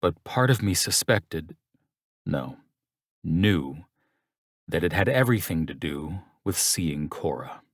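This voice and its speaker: Brief: male audiobook narrator, fairly low voice, wry first-person read, dry booth sound. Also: expressive, moderate pace, hardly any pauses, no room sound.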